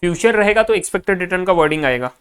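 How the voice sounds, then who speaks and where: A man's voice: high-pitched, animated, rapid-fire, a bit bright, smooth. A male finance lecturer in a recorded class, adding up figures aloud half to himself and coaching students directly.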